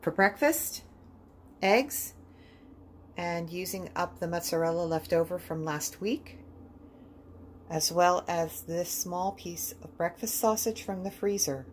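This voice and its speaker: A woman with a fairly low voice narrates her budget grocery video, reading off each item and what it cost in a calm, steady list. It is a home-recorded voice-over with a faint hiss of room ambience behind it. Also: slow pace.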